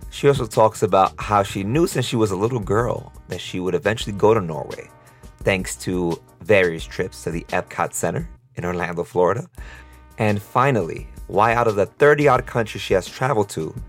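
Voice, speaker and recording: A man hosting a casual podcast interview, chatty and quick to laugh, often repeating words as he starts a question. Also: deep voice. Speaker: podcast host.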